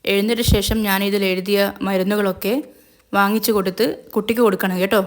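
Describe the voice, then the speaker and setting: A woman voicing a calm male doctor who gives plain, reassuring instructions. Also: medium pitch, fast talker, lightly acted. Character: calm male family doctor, matter-of-fact.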